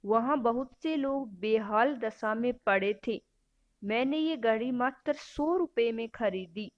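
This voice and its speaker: Lady teacher reading out quiz options then explaining the answer, talks slow. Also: a little high, highs cut off. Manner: self-correcting. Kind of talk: exam-prep grammar lesson.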